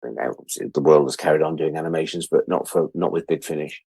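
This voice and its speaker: Extremely low in pitch and fast, the voice is husky and a little mellow, with vocal fry and no echo. The speaker, a British man near sixty working as a freelance media producer, reflects casually in an interview, candid and wry, repeating words to emphasize them.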